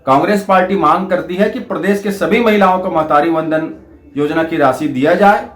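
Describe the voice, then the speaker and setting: A man's voice: a little high, fairly quick, reverberant. A man speaking as an opposition party spokesperson, giving an emphatic, accusing political statement to the press.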